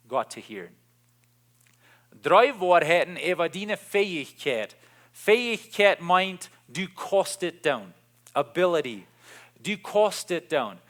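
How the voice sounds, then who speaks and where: A male preacher with a high, bright voice delivers a sermon at an unhurried pace. He stresses his points by repeating key phrases. He slips between languages mid-sentence.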